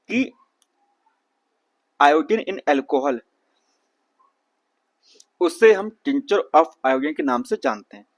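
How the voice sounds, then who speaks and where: A man teaching a science lesson, asking questions and answering them himself, calling listeners "beta" and reading English lines slowly. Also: a little high. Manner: calls listeners "beta", checks "theek hai na"; reads English text slowly, then explains in Hindi. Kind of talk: exam-prep science lesson.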